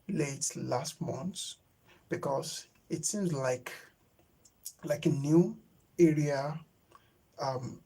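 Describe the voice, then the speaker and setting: A young livestream host from Nigeria, whose first language is Yoruba, talks informally with viewers in Nigerian English, filling gaps with lots of fillers while he looks for words. His mid-range voice is creaky and dark, with a breathy edge.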